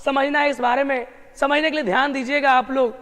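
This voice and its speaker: Male grammar tutor with a very high voice, chatty and repetitive, treats students like close friends, long reverb on the recording. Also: level tone, brisk, sharp tone. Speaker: English grammar teacher. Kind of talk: exam-prep grammar lesson.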